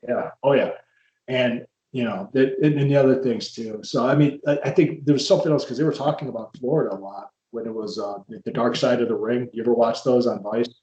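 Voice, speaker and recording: Man, podcast host, rambling storyteller, middle pitch, roomy echo. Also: fairly quick, warm tone, muffled recording. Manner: rambling storyteller with frequent restarts. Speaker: podcast host and former wrestler. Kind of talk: casual interview chat.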